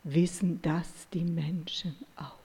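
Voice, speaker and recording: A gruff, drowsy ox, as a woman reading a fable puts him on speaks low and heavy. The voice carries a long echo. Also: fairly even intonation, takes it slowly, mellow, muffled recording, heavily acted. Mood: hushed. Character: grumpy sleepy male ox, likes a drink.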